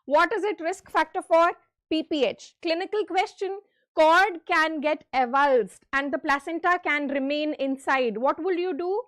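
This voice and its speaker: A woman's voice: high-pitched, measured pace, fairly bright tone, no echo. A woman with a North Indian accent lecturing interactively, emphatic and often checking in with questions as she quizzes students for an exam. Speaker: medical lecturer leading exam revision session.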